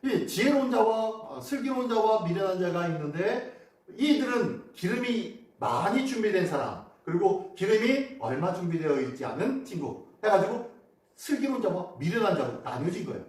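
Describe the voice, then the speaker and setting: A man's voice: high-pitched, normal speed. A man preaching a sermon as pastor, often putting questions to the congregation. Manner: animated, asks the congregation questions. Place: church sanctuary. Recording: echoey church hall, mic off at a distance.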